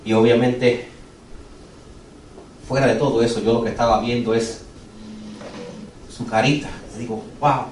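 A man's voice: mid-range voice, little pitch movement, measured pace, pauses often, darkish tone, echoey room, far from the mic, a little hiss or hum, poor audio. A man preaching a sermon, telling a personal testimony with earnest, urgent storytelling. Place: church sanctuary.

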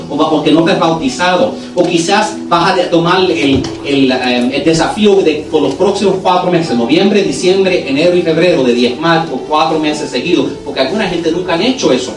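A pastor preaching a sermon in church, earnest and turning lively when he tells a story, with English words dropped in. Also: a little high, recorded from a distance. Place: church sanctuary. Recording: echoey church hall, voice from afar, music under it.

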